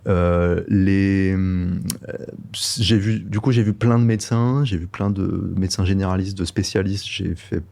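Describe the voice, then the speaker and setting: A middle-aged man with a French accent from France, a guest talking in a halting, thoughtful way with many hesitations and restarts. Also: low voice, steady tone, gravelly, darkish tone. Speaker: guest, microbiologist and breathing-method instructor. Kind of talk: conversational interview.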